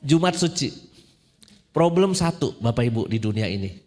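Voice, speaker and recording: A man's voice: mid-range voice, very animated, moderate pace, darkish tone. A man preaching a casual, joking sermon as a priest, slipping in English phrases. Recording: long hall reverb.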